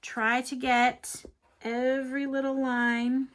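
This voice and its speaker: A woman with a fairly high, very bright voice leads a children's art lesson. She speaks as a teacher and host, explaining things step by step in simple words. Her manner is encouraging. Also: little pitch movement, slow. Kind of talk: instructional craft lesson for children.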